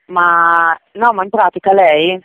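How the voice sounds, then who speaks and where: A woman's voice: on the low side, steady tone, takes it slowly, bright, forceful tone, dry recording. A woman working as a call centre operator, speaking in a polite, helpful customer service voice as she explains things over the telephone. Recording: tinny, phone-like line.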